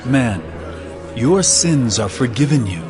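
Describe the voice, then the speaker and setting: A man's voice: medium pitch, very animated, takes it slowly, music in the background. A man playing Jesus as an authoritative, earnest teacher in a dramatized scripture recording, speaking in a declamatory, emphatic way. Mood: commanding. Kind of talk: dramatized scripture audio acting.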